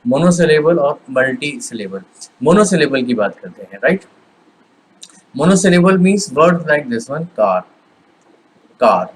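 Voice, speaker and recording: A man's voice: on the high side, big pitch swings, slight background noise, poor audio. A male teacher with an Indian accent, switching between Hindi and English as he explains grammar and repeats each word on the board. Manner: slow, repeats words while writing on a board. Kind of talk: classroom grammar lesson.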